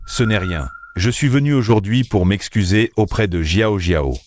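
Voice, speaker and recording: A man's voice: lowish voice, moderate pace, darkish tone, a little hiss or hum, close to an everyday voice. A man voicing a member of a bickering wealthy family in a dubbed short drama, over music. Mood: apologetic. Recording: music behind the voice.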